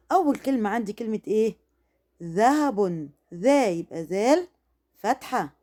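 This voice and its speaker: A woman with an Egyptian accent teaching an Arabic alphabet lesson to first graders, saying each word slowly and then repeating it. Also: fairly high pitch, warm tone. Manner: slow, exaggerated pronunciation and repeating each word. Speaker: primary school Arabic teacher. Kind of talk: recorded lesson for young children.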